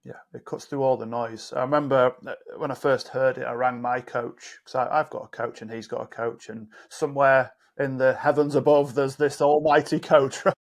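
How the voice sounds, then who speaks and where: A man's voice: mid-range voice, normal speed, few pauses. A man talking on a podcast as a guest coach, telling stories and acting out both sides of a conversation. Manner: animated storyteller, acts out dialogue.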